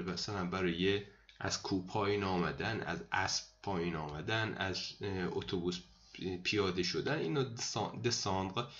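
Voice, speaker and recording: A male language teacher with a Persian accent explains grammar and repeats words slowly to drill pronunciation. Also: lowish voice. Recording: dull lo-fi sound with faint hiss.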